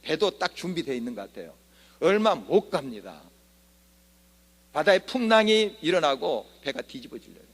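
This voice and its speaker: A man's voice: a little high, very animated, normal speed. A male pastor preaching a sermon to his congregation, earnest, asking rhetorical questions and voicing quoted prayers. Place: church sanctuary. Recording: long church hall reverb.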